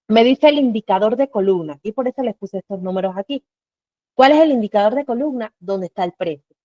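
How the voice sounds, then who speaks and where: Woman teacher, patient step-by-step explainer, mellow voice, dry muffled online class audio. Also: medium pitch, dry recording. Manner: explains step by step with rhetorical questions. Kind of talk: live online class walkthrough.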